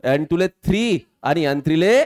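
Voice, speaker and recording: A male physics teacher, lecturing a class, quizzing students and slowly dictating formulas. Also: fairly high pitch, a little mellow.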